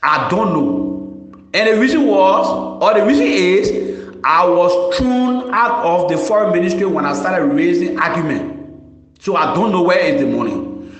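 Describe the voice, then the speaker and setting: A man's voice: high-pitched, echoey room, rough recording. A young man from Liberia with a Liberian English accent, making an impassioned public statement as a former official and hammering home rhetorical questions. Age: young adult.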